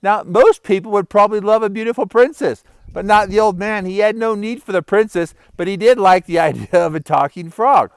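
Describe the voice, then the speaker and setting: An upbeat middle-aged man chats and tells a story outdoors, chuckling as he goes. His voice sits a bit high for a man and sounds close and dry. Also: a little fast, few pauses, clear, resonant tone, no echo. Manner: upbeat, chatty, chuckles often. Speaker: vlogger and life coach. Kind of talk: casual storytelling and advice. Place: outdoors by a small pond.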